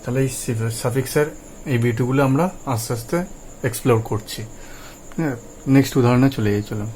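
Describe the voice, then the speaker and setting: A man teaching English pronunciation and word meanings, patiently repeating words for practice in a slow drill. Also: medium pitch, darkish tone, a little hiss or hum, poor audio. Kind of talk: Bengali-language lesson, spoken explanation.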